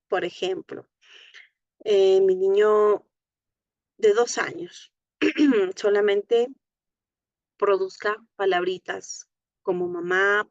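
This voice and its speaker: A woman's voice: medium pitch, no room sound, lo-fi sound. A woman teaching an online class on speech therapy, explaining patiently and checking in often with a questioning tag. She has a Latin American Spanish accent. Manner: explains slowly, frequent tag "¿no?".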